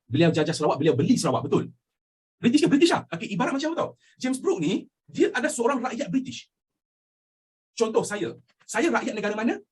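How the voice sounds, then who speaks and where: Young Malaysian male teacher, husky, quick delivery, quizzes the class often. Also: fairly high pitch. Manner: animated, asks students questions constantly, mixes in English phrases. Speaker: history teacher. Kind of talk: lively classroom lecture.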